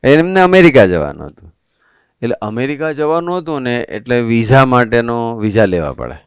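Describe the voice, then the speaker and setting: A monk preaching a sermon to a family assembly, telling stories in an animated, conversational way. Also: male voice, medium pitch, moderate pace, smooth, dry recording, clean studio sound. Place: assembly hall at a resort.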